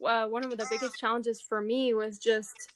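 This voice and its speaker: A young woman in her twenties from East Texas, a college senior answering interview questions in a soft, halting way with many ums. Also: fairly high pitch, flat delivery, no echo. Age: 20s. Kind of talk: casual interview.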